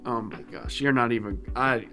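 A man co-hosting a casual comedy podcast who teases his co-host with slow, deadpan build-ups. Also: mid-range voice, soft background music.

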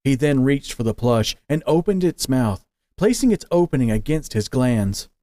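A man narrating an audio story in a slow, measured, deliberate way. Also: mid-range voice, sing-song, warm tone, no room sound.

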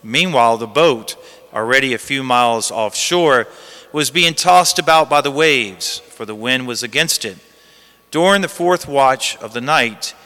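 Slow, bright priest in cathedral echo. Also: male voice, medium pitch, clear, resonant tone. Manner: emphatic preaching with repeated phrases. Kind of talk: gospel reading and homily. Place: large church. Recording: long echoing church reverb.

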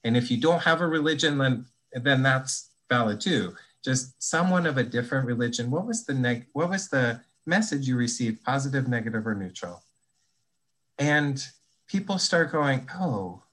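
This anti-bias trainer, appearing as a podcast guest, speaks at normal speed in a middle-pitched voice that's expressive and a bit bright. His lengthy explanations are thoughtful and conversational, with frequent restarts as he figures out what he means.

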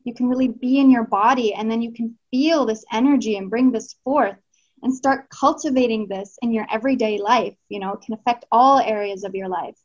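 Woman guest, heartfelt and rambling, slightly high voice, dull lo-fi line. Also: a little fast. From Canada. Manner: earnest, heartfelt, many fillers and restarts. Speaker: guest, Tantra teacher. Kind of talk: casual podcast interview.

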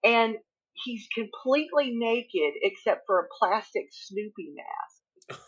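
Husky Southern-accented woman, chatty storyteller. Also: a little high, lively intonation, slow pace, dull audio. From Southern Appalachia. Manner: chatty storyteller, laughs often, many restarts. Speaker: guest writer. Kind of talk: casual podcast conversation.

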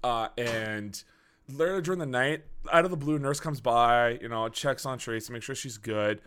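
A man hosting a podcast in casual chat, telling stories in an animated, profane way. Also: mid-range voice, normal speed, faint music behind. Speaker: podcast host.

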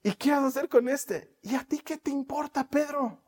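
Guy doing a high-voiced jesus, blunt and teasing, firing questions back. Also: normal speed, darkish tone.

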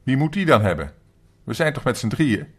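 A practical village boy weighs things up in a steady, slightly lifted voice. An older man plays him in a storybook reading, with soft music behind. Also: medium pitch, a little fast, breathy edge, pitched above the performer's own voice. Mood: reasoning. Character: sensible village boy, one of the friends.

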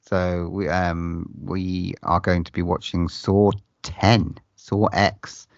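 A low-voiced man with a gravelly edge talks loosely in casual podcast chat, swearing freely and stumbling into restarts. His voice sits dry and close, with a slightly dull, lo-fi sound. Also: little pitch movement, slow, no room sound. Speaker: podcast co-host.

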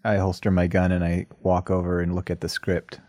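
A man playing in a tabletop game, speaking in a dry, deadpan way as his character. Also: low-pitched, brisk, no echo. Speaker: player. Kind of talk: tabletop role-play.

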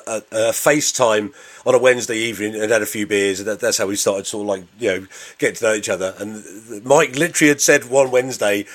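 A man's voice: fairly low pitch, fast talker. A middle-aged man chatting casually as a podcast co-host, informal and sweary. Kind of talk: casual chat.

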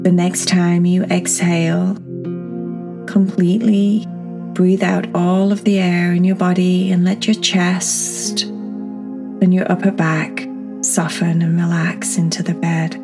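A woman guiding a children's meditation as a podcast host, speaking in a soft, soothing, breathy manner. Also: lowish voice, flat delivery, slow pace. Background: new-age music.

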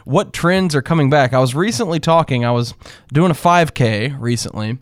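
A man's voice: mid-range voice, lively intonation, normal speed, dry recording, studio quality. A man hosting a podcast in a casual, jokey, chatty way. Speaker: podcast host. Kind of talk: casual interview chat.

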